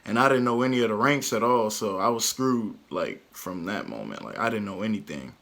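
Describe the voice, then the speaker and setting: A man's voice: on the low side, lively intonation, a little fast, creaky, a bit bright. A young man from Texas telling a casual story to his vlog audience, rambling and filling his sentences with "like". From Texas, USA. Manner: rambling, lots of "like" fillers. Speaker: vlogger.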